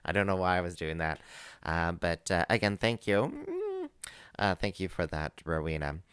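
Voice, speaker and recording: A man's voice: sits low, huge pitch swings, a little slow, a bit bright, clean tone, no echo, studio quality. A man hosting a live community radio show, chatting casually with plenty of fillers and easy laughter. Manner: rambling, many fillers, laughs easily.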